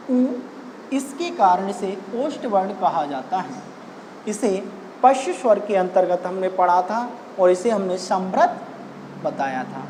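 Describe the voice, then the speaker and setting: Female tutor, unhurried exam-prep explainer, reverberant room with a long tail. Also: mid-range voice, a little mellow, slight background noise. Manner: slow, deliberate explaining with pauses. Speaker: Hindi grammar teacher.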